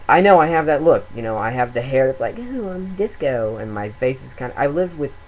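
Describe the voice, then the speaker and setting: A man's voice: mid-range voice, animated, quick pace, low-quality recording. A man in his twenties, a comedian, rambling through a self-deprecating webcam monologue full of fillers. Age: 20s.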